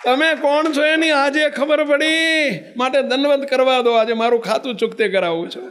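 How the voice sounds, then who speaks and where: Man voicing very old monk, over 60, weeping, pleading, repentant, high-pitched. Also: fairly even intonation, fairly quick, darkish tone, a faint crowd, a little hiss or hum. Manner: pleading, tearful.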